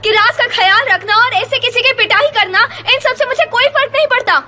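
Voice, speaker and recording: A woman's voice: extremely high pitch, brisk. A woman dubbing a tough, defiant young woman who looks after her siblings, in a dubbed TV drama. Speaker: dubbing actor. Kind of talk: Urdu dub of a TV drama.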